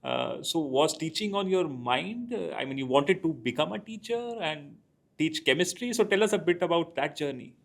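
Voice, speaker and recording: A man's voice: on the high side, animated, moderate pace, creaky. A man hosting an interview in an informal, conversational way. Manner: informal, frequent short acknowledgements. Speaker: podcast interviewer.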